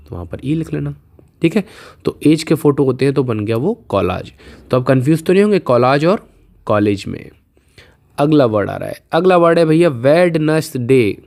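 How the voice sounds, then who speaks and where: A man teaching English spelling in a casual video lesson, patiently repeating each question and answer and slowing down to spell words out letter by letter. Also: medium pitch, darkish tone. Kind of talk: casual Hindi video lesson with memory tricks.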